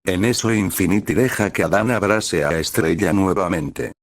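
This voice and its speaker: A man's voice: low voice, moderate pace, no room sound, clean studio sound. A man narrating an amateur fan fiction story in a plain, repetitive reading manner. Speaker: fanfiction reader.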